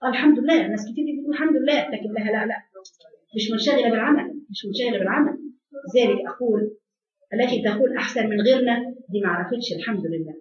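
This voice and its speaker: A woman's voice: a little high, very fast. A woman preacher with an Egyptian accent giving a religious lesson, fervent and full of repeated rhetorical questions. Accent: Egyptian Arabic. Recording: echoey, distant, dull lo-fi sound.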